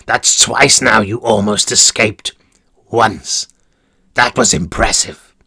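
A man voicing a gleeful, sinister prison warden who whispers and mocks slowly. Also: lowish voice, fairly even intonation, gravelly, pushed and bright, husky, heavily acted. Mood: menacing. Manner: whispering, mocking, drawn-out.

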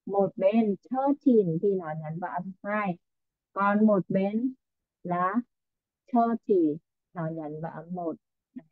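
A woman teaching an online English class, coaxing her students and echoing their answers. Her voice comes through a narrow, tinny line with no room sound around it. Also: medium pitch. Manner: coaxing, calls on students, repeats answers back. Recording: tinny phone-like online audio.

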